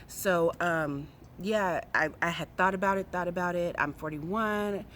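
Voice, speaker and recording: Addressing her viewers directly in a personal vlog, this forties-aged woman is frank, chatty and emphatic. Her voice runs on the low side and fairly bright, her delivery unhurried, with slight noise behind her.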